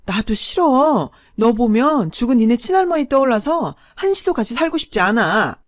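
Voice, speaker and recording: A woman voicing a harsh, selfish middle-aged mother who berates her daughter in a shrill voice. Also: very animated, moderate pace, no room sound, studio quality. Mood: berating.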